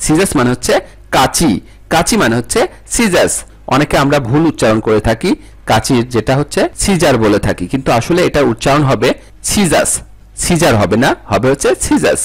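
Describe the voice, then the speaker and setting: A man's voice: fairly high pitch, slightly rough. A man teaching English vocabulary, repeating each word and its meaning and spelling it out letter by letter in a sing-song drill.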